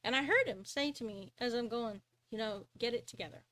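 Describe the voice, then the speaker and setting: A woman's voice: on the high side, moderate pace, bright, forceful tone. A woman hosting a live stream, earnestly telling a personal story, often chuckling and restarting her sentences.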